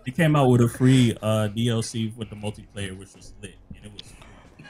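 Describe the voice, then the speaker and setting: A man chatting casually about games over a remote mic, his audio level dropping low and coming back unevenly, his speech full of slang like man and bro. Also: fairly even intonation, moderate pace, over a noisy crowd. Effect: audio keeps dropping low, uneven volume. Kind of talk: casual gaming podcast chat.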